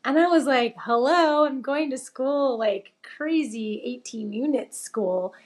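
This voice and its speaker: Animated middle-aged woman telling her story. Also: sits high, slow. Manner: animated, acts out quoted voices. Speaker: interview guest. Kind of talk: personal storytelling.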